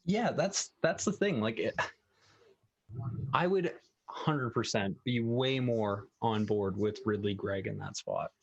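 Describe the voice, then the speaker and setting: A man's voice: lowish voice, takes it slowly, vocal fry, breathy edge, highs cut off. A man co-hosting a live draft stream, casual, blunt and joking. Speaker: draft analyst co-host. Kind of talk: live draft commentary chat.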